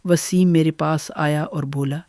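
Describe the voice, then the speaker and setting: An older woman telling her own family story in the first person, in a measured, gentle way. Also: low voice, fairly even intonation, no room sound, clean studio sound.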